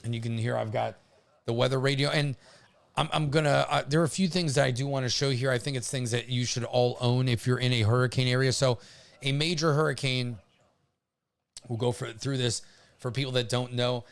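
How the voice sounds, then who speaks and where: A man with a mid-pitched voice hosts a live weather stream. He talks casually and informally, commenting as he goes, with a halting delivery and frequent hesitations. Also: steady tone, vocal fry. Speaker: livestream host covering a hurricane.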